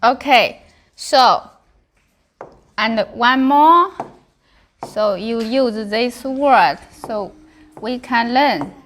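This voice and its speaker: High, bright Chinese-accented woman teacher practicing tones. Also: expressive, slight background noise. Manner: practicing tones, repeating single syllables and words slowly. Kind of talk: classroom language lesson, practicing tones and pronunciation.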